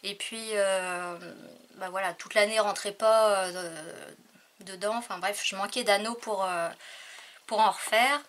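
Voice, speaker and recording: A woman talking casually through a crafting haul, hesitant with many fillers and often trailing off quietly. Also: medium pitch, fairly even intonation, measured pace. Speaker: crafting vlogger.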